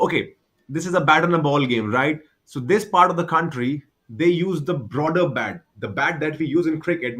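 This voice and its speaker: Chatty male baseball commentator, slightly high voice. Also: fairly bright tone. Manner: chatty, repeats himself, explains for cricket fans. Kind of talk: live sports commentary.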